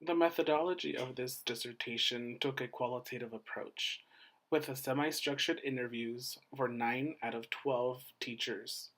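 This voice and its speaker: A man's voice: medium pitch, fairly even intonation, normal speed, fairly bright tone, rough recording. Man giving a formal academic presentation. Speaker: doctoral student presenting a dissertation defense.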